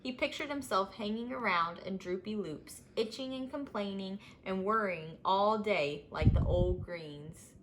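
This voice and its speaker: Woman, storybook reader, bright tone, slow pace, expressive narration. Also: medium pitch, a little hiss or hum, low-quality recording.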